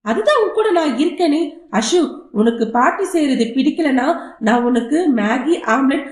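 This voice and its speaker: A woman's voice: sits high, expressive, moderate pace. A woman voicing a sensible older girl who coaxes and reasons with her little brother. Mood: coaxing. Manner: coaxing, reasoning tone. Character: older girl, sensible caring big sister. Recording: roomy echo.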